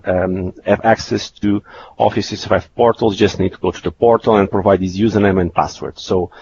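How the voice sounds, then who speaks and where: A man's voice: lowish voice, darkish tone. A man giving a technical webcast presentation, explaining slides in a hesitant, repetitive way. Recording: dull lo-fi webcast audio with hiss.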